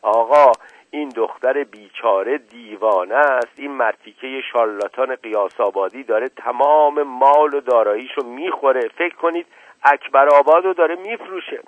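A man voicing an enraged, bandaged middle-aged man who shouts indignantly, heard on a tinny, dry radio recording. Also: mid-range voice, no echo, voice pushed up, close to an everyday voice. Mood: furious.

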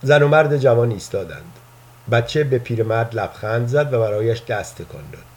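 A man narrating a first-person story in a calm, measured reading voice. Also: mid-range voice.

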